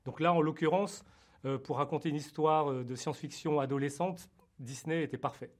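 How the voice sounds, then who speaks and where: A man's voice: fairly high pitch, fairly even intonation, brisk. A French-born man who created a TV series, answering interview questions hesitantly with many fillers and restarts. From France.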